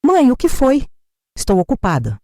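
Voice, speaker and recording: A woman's voice: sits high, huge pitch swings, moderate pace, mellow, no room sound, clean studio sound, pitched above the performer's own voice, heavily acted. A woman voicing a curt, impatient adult daughter who brushes off her mother. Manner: dismissive, brusque.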